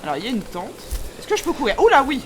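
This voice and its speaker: A woman's voice: high-pitched, wildly swooping pitch, rapid-fire, slight background noise. A woman streaming a horror game live, chatting informally and jokingly to viewers with scared, easily startled reactions.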